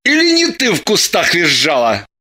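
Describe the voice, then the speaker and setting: A high, bright male voice for an exasperated, jealous young man, played by a male actor. He scolds and mocks with theatrical sarcasm. It is a storybook reading. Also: wildly swooping pitch, moderate pace, full character voice. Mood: sardonic. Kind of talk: audiobook dialogue.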